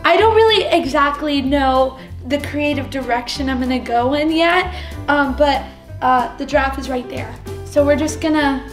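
High-voiced playful woman, slow and chatty. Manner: goofy, chatty, hesitant with fillers. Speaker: children's ministry video host. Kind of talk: playful kids' show segment. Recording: echoey room.

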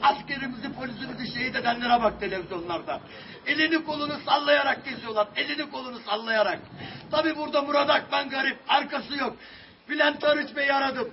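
Distraught high-voiced man pleading, shouting. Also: fast. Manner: pleading, repeating phrases, breaking into shouts. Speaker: protester. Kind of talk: desperate public plea to a news camera. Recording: distant, dull camera audio with faint hiss.

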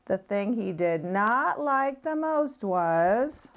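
Expressive woman reading a children's picture book. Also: mid-range voice, takes it slowly. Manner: expressive, sing-song storytelling. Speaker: speech-language pathologist reading aloud.

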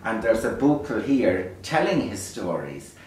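A man's voice: on the low side, big pitch swings, a little slow, a little mellow, heavy reverb. Man, Irish accent, lilting storyteller, reflective casual delivery, distant microphone, faint background noise. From Ireland. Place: beside a small fire in a dark stone hearth. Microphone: distant camera microphone.

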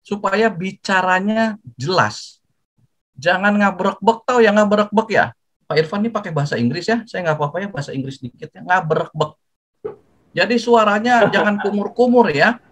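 Older guy w teaching a class, cracks jokes, acts out the greetings, bit high-pitched. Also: normal speed, low-quality recording. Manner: jokey, animated, acts out greetings. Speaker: guest speaker. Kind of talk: lively lecture to students.

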